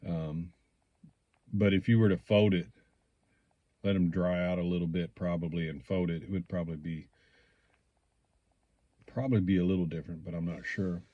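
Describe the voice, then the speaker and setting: Low-voiced man, hesitant and unhurried. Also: steady tone, narrow, tinny audio. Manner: hesitant, unhurried, thinking aloud. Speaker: pipe tobacco reviewer. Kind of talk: casual rambling product review to camera.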